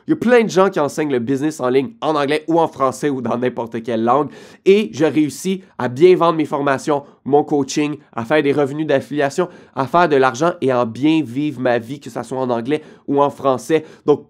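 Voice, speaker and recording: Guy coaching viewers straight to camera, kinda high voice, direct and encouraging. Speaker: online course creator and coach. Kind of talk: direct-to-camera advice talk.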